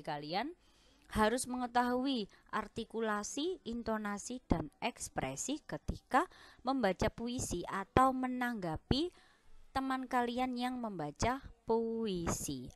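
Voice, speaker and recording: A woman's voice: a little high, no room sound. A young woman, a primary school teacher, patiently explaining a lesson to children in an online class.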